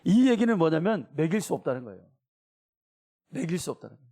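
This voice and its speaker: A man's voice: on the high side, sing-song, quick pace, warm tone. A middle-aged man preaching a sermon as pastor, acting out everyday quotes in different voices.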